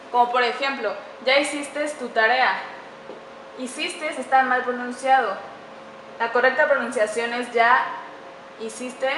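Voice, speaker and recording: A woman giving a class presentation on writing errors, slowing down carefully whenever she reads out an example sentence. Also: fairly high pitch, fairly bright tone. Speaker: student presenter. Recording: echoey room with faint background noise.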